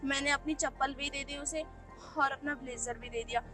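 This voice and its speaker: A woman's voice: sits high, fairly even intonation, moderate pace, pushed and bright, soft background music. A young woman playing a poor, earnest young woman who reproaches her ex-boyfriend in a web skit. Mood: reproachful. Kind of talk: Hindi web skit acting.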